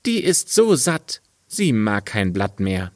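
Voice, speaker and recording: A man's voice: on the low side, sing-song, takes it slowly, dry recording, studio quality. A man voicing a young tailor's son in a storybook reading, in a raised boyish voice. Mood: eager.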